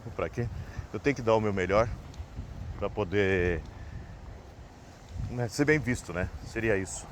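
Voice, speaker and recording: A man's voice: lowish voice, measured pace, long pauses, slight background noise. A man from Brazil with a Brazilian Portuguese accent, telling a personal story in a casual, rambling way and ending sentences with "né?". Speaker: vlogger.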